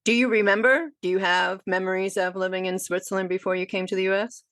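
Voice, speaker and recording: A woman hosting an interview, friendly and encouraging with many quick reactions. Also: medium pitch, fairly even intonation, a bit bright, no room sound, studio quality. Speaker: podcast host. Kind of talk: casual interview chat.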